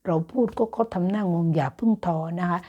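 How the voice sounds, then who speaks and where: A woman's voice: on the low side, fast talker, warm tone, muffled recording. A Thai woman teaching Dutch grammar in a casual online lesson, explaining patiently and encouraging her students. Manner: encouraging and motivational.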